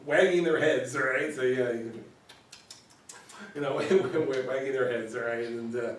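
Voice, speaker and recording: A man's voice: mid-range voice, measured pace, a little hiss or hum. A man leading an informal Bible study, explaining in a conversational way, repeating words and often checking in with "right?". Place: church room. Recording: roomy echo, recorded from far off.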